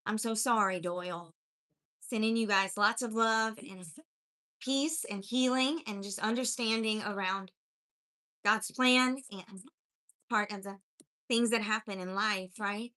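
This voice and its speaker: With a bright, forceful tone in the mid range, this livestream host talks a little slowly and pauses often. She's a spiritual life coach whose mixed accent reflects growing up all over, and she greets viewers and preaches in an earnest, encouraging way.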